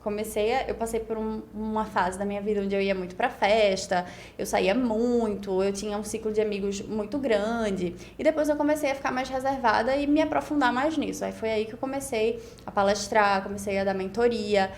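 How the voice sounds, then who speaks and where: A woman's voice: medium pitch, steady tone, fairly quick, few pauses, a little mellow, slight background noise. A woman in her twenties with a Pernambuco accent, a podcast guest talking through her story in long, reflective stretches, often tagging on "né?". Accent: Brazilian Portuguese, Pernambuco. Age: 20s. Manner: reflective, talks in long run-on stretches with frequent "né?". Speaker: guest, beauty pageant winner. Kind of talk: casual podcast interview.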